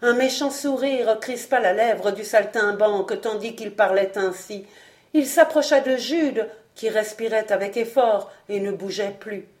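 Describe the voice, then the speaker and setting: A woman narrating a classic novel as an audiobook, in a measured, expressive reading. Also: medium pitch. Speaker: audiobook reader. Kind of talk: scripted narration.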